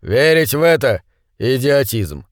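A man reading an audiobook, voicing a composed army colonel who speaks quietly and firmly. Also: mid-range voice, very animated, a little slow, no room sound, studio quality. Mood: calm. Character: calm steady male army colonel.

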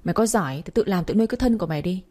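A woman voicing a stern, angry middle-aged father who shouts and scolds, in a Vietnamese audio story. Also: on the low side, lively intonation, very fast. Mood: angry scolding.

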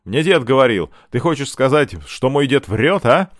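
A man voicing a vicious, hot-tempered boy who shouts at a captive, in an audiobook. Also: mid-range voice, animated, moderate pace, no echo, clean studio sound, voice pushed up, close to an everyday voice. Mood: aggressive. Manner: shouting, aggressive.

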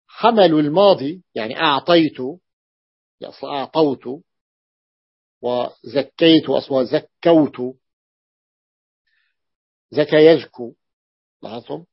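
A male teacher lecturing a class, explaining slowly and repeating each example. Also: on the high side, no room sound. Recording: dull lo-fi recording.

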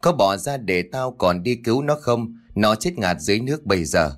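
Một người đàn ông đóng vai gã chồng thô lỗ, hoảng hốt chửi thề và quát tháo. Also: male voice, lowish voice, lively intonation, moderate pace, lightly acted. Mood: alarmed angry. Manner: rough and shouting. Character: coarse, panicked husband swearing.

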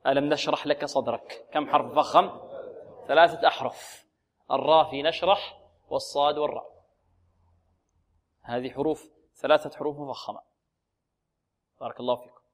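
A man teaching Quran recitation, explaining rules patiently and drilling sounds slowly, repeating each syllable for his listeners to copy. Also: a little high, fairly even intonation. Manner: explains patiently, posing questions and answering them himself. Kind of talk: tajweed lesson.

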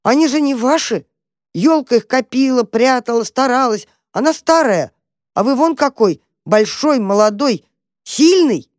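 Squeaky little mouse boy, a woman putting him on. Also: lively intonation, measured pace, darkish tone, no echo, clean studio sound. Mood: indignant pleading. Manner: squeaky, shrill. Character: small brave excitable young male mouse.

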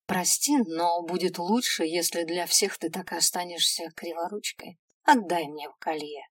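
A woman's voice: fairly low pitch, moderate pace, husky, dry recording, distant mic. A woman voicing a smug, treacherous young man who speaks in a mocking tone, in a storybook reading.

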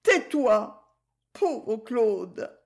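A woman's voice: fairly high pitch, big pitch swings, very slow, a little mellow, voice pushed up, full character voice. A woman reading aloud, voicing a young divorced woman, a former nightclub singer, in a raised, pleading voice. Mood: anguished. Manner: pleading, emotional.

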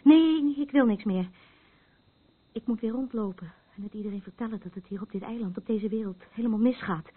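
An actress in a radio play voices a troubled, anxious woman who sees herself as a night watcher and prophet of doom, earnestly rambling from thought to thought in a haunted way. Her voice is on the high side, slightly rough and a little fast, with an anxious, urgent mood. The audio is muffled and phone-like, with background noise.

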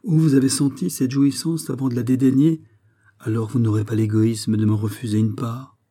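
A man's voice: medium pitch, little pitch movement, moderate pace, mellow, lightly acted. A man reading the lines of a passionate young society lady in a story, in a pleading, exalted way. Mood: impassioned. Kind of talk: read-aloud story.

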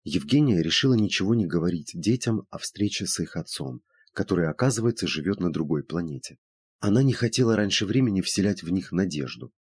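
A man narrates a novel in a steady, measured way. His voice is very deep and husky, yet his pitch moves with a lively range. The recording is dry and close. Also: no room sound. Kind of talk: audiobook narration.

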